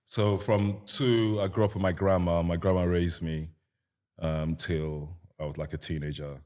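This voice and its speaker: A man's voice: low voice, a little slow. A young adult man with a Nigerian accent, chatting casually as a guest and telling his story with easy laughs and street slang. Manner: relaxed, laughing, lots of "you get me" slang. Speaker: guest musician. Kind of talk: casual interview chat.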